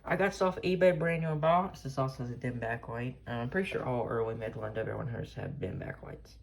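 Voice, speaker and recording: A collector shows off his weather radio collection in a casual, unscripted show-and-tell, rambling offhandedly and trailing off. His mid-range male voice is a little fast with vocal fry, in a noisy amateur recording with radios.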